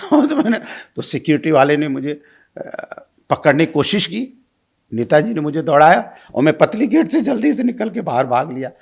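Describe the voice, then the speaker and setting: A man's voice: a little high, moderate pace, vocal fry, breathy edge. A middle-aged man, telling stories as an interview guest, laughing and acting out quoted lines. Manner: animated, laughs while recounting, acts out quoted lines. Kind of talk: casual storytelling.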